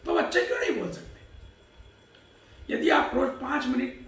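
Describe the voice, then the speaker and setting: A man in a very high-pitched, sing-song voice gives a measured Hindi religious discourse, explaining Sanskrit verses after reciting them. His voice is a bit bright, and he asks and answers his own questions. The mic is distant and the room echoes.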